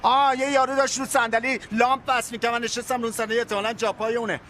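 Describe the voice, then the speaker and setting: An actor playing a boastful, ingratiating man in a comedy series. He talks in a fawning, flattering way that can suddenly turn tough. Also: very high-pitched, slight background noise. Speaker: friend pleading with a moneylender.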